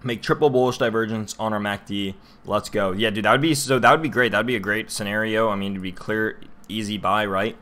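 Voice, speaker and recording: A young man with a slightly low voice talks through price charts on a casual livestream. He rambles in a chatty way, with plenty of fillers and restarts, and stops to answer viewers in chat. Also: sharp tone. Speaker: crypto livestream host.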